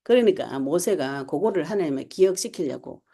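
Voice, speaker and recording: A woman pastor, preaching a sermon in a lively storytelling way and acting out the quotes. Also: low-pitched, fairly quick, slightly rough. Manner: animated storytelling preacher, acts out quotes, laughs often. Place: online church service.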